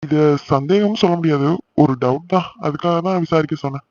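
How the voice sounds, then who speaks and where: A man voicing an injured young husband who reassures his family and brushes off their worry, in an amateur animated serial. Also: on the high side, a little fast, highs cut off, close to an everyday voice. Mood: defensive.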